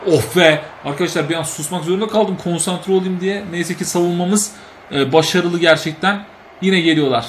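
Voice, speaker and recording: A man giving lively, chatty commentary over his own football video game play, often shouting at the action and talking to his viewers. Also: high-pitched, moderate pace, slight background noise. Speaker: gaming YouTuber. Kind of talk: live gameplay commentary.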